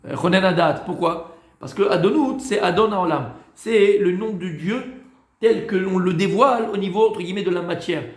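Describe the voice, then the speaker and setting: A man's voice: high-pitched, moderate pace, echoey room. A man teaching Torah to a class in a loose, talkative way, repeating phrases, mixing in Hebrew words, stopping to ask his listeners questions, and sounding tired. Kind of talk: informal Torah lesson with questions from students.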